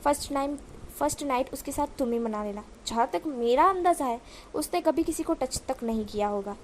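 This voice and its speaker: A woman reads a cunning middle-aged mother who shares a plan in a confiding, conspiratorial way. The voice stays high and smooth. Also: brisk, a little mellow, slight background noise, lightly acted. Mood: scheming. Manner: conspiratorial, sly.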